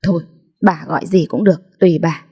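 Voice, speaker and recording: A woman's voice: on the low side, steady tone, a little fast, mellow, breathy edge. A woman voicing a weary husband who brushes off his wife and tries to placate her. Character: tired husband, evasive and placating.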